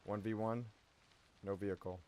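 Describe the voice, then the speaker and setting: A man's voice: on the low side, steady tone, moderate pace, background noise. A man streaming a shooter game live, chatting casually to his viewers as he plays. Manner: casual, chatty, talking to chat. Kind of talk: live gameplay commentary.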